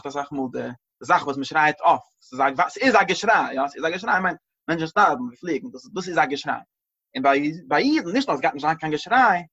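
A man teaching a religious lesson, halting and repeating phrases and mixing in English words. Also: fairly high pitch, a bit bright. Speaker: Torah teacher. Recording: dull lo-fi recording.

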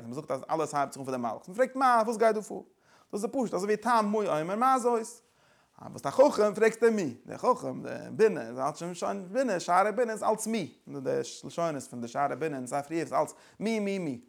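A man's voice: on the high side, creaky. A man lecturing like a teacher, driving his explanation forward with repeated phrases and words from several languages.

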